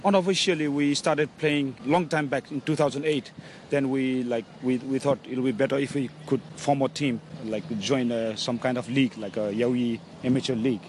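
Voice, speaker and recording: A man from Hong Kong talks about his football club, hesitating often and restarting his sentences. He is recorded outdoors at a pitch, with faint city and traffic sounds behind him. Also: fairly even intonation, darkish tone. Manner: halting, many fillers and restarts. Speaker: football club team manager. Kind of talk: casual interview.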